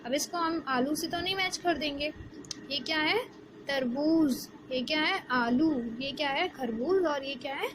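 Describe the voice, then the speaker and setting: A woman, teaching a Hindi lesson to young children and asking the class questions as she explains slowly. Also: high voice. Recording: background noise.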